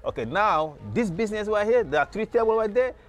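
Speaking in a high-pitched, expressive, brisk voice, a man from Senegal who keeps a market booth relates his story in a casual street interview. The setting is his outdoor beach market booth, and his talk rambles, with repeated words and lots of "you know".

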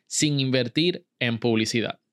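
A man's voice: mid-range voice, unhurried, heavy background noise. A man hosting his own business podcast, talking straight to the listener with a pushy, motivational push and English words mixed in. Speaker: podcast host. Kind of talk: energetic motivational podcast talk.

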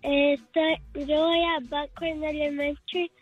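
A young caller speaking eagerly and carefully over a call-in line. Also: female voice, sits high, little pitch movement, slow pace, soft background music. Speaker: child callers. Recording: dull call-in phone line.

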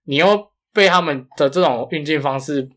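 A man with a marked Taiwanese Mandarin accent and flat, non-retroflex consonants, chatting casually as a podcast co-host. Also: a little high, moderate pace. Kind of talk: casual chat.

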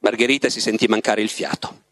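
A man's voice: lowish voice, fairly even intonation, brisk, fairly bright tone, no echo. A man giving a public lecture that retells a novel and reads passages from it with dramatic expression. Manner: storytelling with dramatic reading.

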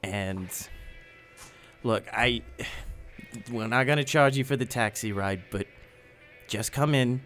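A man's voice: medium pitch, slow, long pauses, fairly bright tone, soft background music, pitched below the performer's own voice. Man doing a pushy New York-accented hustler voice, salesman patter. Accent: put-on New York. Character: pushy fast-talking New York hustler, male adult.

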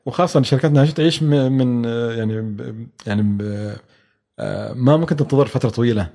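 A man's voice: mid-range voice, quick pace, gravelly, dark tone. A man answering interview questions, with many hesitations and restarts. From Oman. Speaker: guest, venture capital expert.

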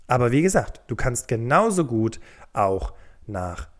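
A man hosting a solo career-advice podcast, speaking straight to the listener and checking in with a quick "okay?". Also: mid-range voice, big pitch swings. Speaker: podcast host.

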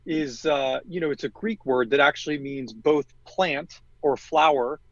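A man's voice: fairly high pitch, measured pace, muffled recording. A man being interviewed as a marketing executive, talking in a conversational way with many fillers and restarts.

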